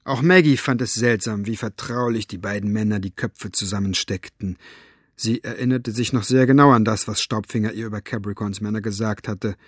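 A man's voice: lowish voice, steady tone, a little fast, breathy edge, no echo. Man reading an audiobook, dry. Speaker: narrator.

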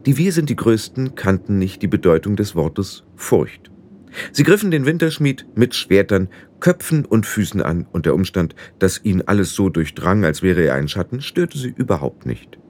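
Man reading an audiobook aloud. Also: normal speed. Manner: expressive, raises pitch for the girl's lines. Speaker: audiobook narrator. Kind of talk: audiobook reading with character voices.

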